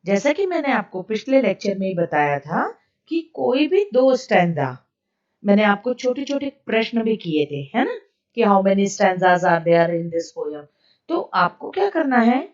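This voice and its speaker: A woman with an Indian accent teaching an English lesson, switching to Hindi to explain and often checking "okay?" with her students. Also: medium pitch. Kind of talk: recorded online lesson, mixing English and Hindi. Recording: dull, distant lo-fi recording.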